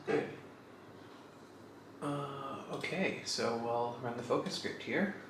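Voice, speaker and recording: A man's voice: mid-range voice, slow pace. Man thinking aloud in an echoey room. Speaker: astronomy observer. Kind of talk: casual vlog talk while working. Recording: echoey room with faint background noise.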